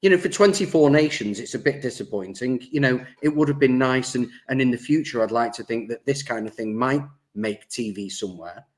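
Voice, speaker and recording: A man's voice: medium pitch, animated, fairly quick, few pauses. A man co-hosting a sports podcast, chatting casually and teasing his partner, with many restarts. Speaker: podcast co-host.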